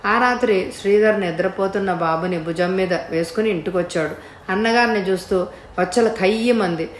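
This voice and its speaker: A woman narrating an audiobook story in a steady, measured voice. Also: mid-range voice, roomy sound, a little hiss or hum.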